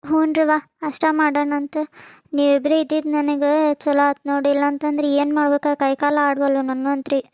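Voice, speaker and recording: A woman voicing a busy, practical village housewife in a cartoon, speaking briskly with a North Karnataka Kannada accent. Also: high-pitched, completely flat delivery, darkish tone, no echo, close to an everyday voice. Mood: matter-of-fact. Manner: brisk, explaining, motherly. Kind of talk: cartoon comedy voice acting.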